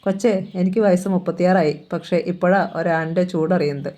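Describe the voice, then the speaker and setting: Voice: medium pitch, steady tone, fairly quick, mellow, natural voice. The reader voicing a lonely, longing 36-year-old woman in a novel reading, speaking in intimate, pleading, colloquial lines. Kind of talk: audiobook character dialogue.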